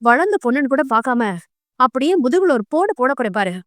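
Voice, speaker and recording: A woman voicing an exasperated middle-aged mother in an audio novel, scolding her daughter in rapid bursts. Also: high voice, lively intonation, no echo, clean studio sound.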